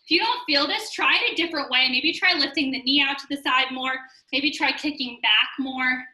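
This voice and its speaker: A young adult woman leading a guided workout class, giving steady counting cues while she exercises. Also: high voice, moderate pace. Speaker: fitness instructor. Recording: roomy sound, distant from the mic.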